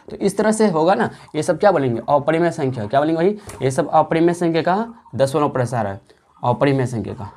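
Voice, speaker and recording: Her voice is low-pitched with a dark tone as she teaches an online maths class. She's patient and drawn-out, leans on fillers, repeats herself often, and asks check-in questions only to answer them herself.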